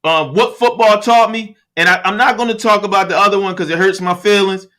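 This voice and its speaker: Bright-voiced man hosting a casual podcast. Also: high-pitched, a little fast. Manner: relaxed, friendly slang, trails off searching for words. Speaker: podcast host.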